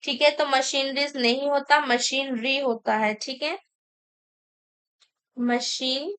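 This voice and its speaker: A woman teaching an exam-prep grammar lesson, slowly dictating example sentences and explaining each correction. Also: sits high, steady tone, a bit bright, poor audio. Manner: mixes Hindi explanation with English sentences.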